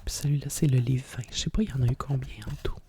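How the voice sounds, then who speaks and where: A middle-aged ASMR host with a Quebec French accent whispers softly and breathily, like a hushed library voice, about vintage books, rambling nostalgically with frequent conversational tags. Her pitch is extremely low and her pace quick, with a faint hiss or hum in the audio.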